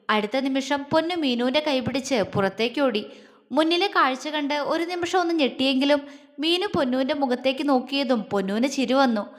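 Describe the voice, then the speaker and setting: High-voiced woman telling a family story. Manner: shifts voice for each character's lines. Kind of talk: scripted story narration with voiced dialogue. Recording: long reverb on the voice.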